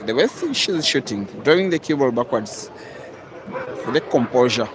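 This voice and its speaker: Over the din of a loud crowd at a noisy outdoor venue, a medium-pitched man from East Africa calls a pool match live. His commentary stays measured until it jumps into sudden bursts of excitement.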